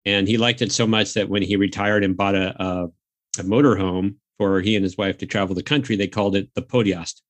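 A man's voice: lowish voice, fairly even intonation, brisk, dry recording. A man hosting a podcast, talking casually and telling stories in an upbeat, chatty way. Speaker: podcast host.

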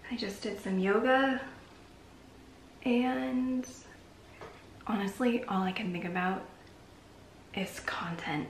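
A chatty woman records a casual confessional vlog in an echoey bedroom, with a camera mic held at arm's length picking up faint hiss. Her mid-range voice moves slowly with long pauses, reflective and sometimes sinking into soft near-whispers.

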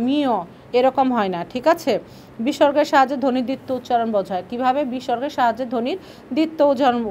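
Fast-talking woman teaching class. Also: on the high side, slight background noise. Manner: asks questions then answers them herself; patient, repeats key points. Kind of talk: online class lesson.

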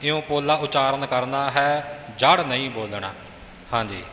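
A man teaching scripture pronunciation, slow and deliberate, half-singing example lines. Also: mid-range voice, bright, forceful tone. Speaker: recitation teacher. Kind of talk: pronunciation instruction. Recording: echoey room with faint noise.

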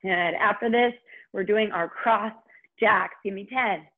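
Woman fitness instructor doing aerobics class cues, upbeat n encouraging, muffled low-bandwidth online sound. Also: a little slow. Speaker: fitness instructor leading a live online workout. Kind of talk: aerobics instructor cueing, counting down and coaching. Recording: muffled, band-limited online stream audio.

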